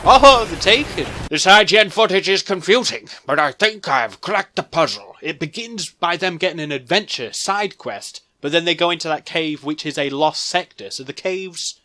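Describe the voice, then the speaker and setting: A man's voice: on the high side, animated, normal speed, few pauses, bright, forceful tone. A young man giving loose, slangy and profane gaming commentary, rambling through his thoughts. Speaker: gaming video creator.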